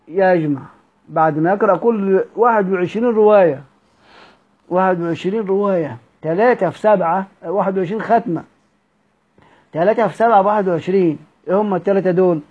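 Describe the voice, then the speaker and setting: A man with an Egyptian accent lectures on recitation in a high voice, reading from a classical text and then explaining it. He repeats himself and fills pauses with long "aah" sounds. The sound is thin and tinny, like a phone line. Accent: Egyptian Arabic. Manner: explanatory, repeats words, frequent "aah" fillers. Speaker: teacher of Quran recitation.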